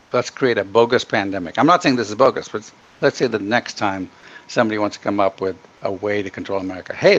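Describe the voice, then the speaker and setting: A middle-aged Ghanaian man who grew up in Africa and the Middle East is a podcast guest, answering interview questions earnestly and with strong opinions. He is emphatic but halting, often restarting his sentences. His voice is on the low side and a bit bright, heard over a dull, muffled, lo-fi connection.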